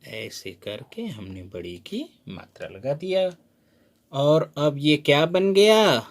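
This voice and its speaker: A fairly high-voiced man teaches in an unhurried, deliberate way. He stretches each syllable out and keeps asking the learner how to read it. The sound is of a patient classroom lesson. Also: very animated. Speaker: Hindi teacher. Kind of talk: slow spoken lesson at a board.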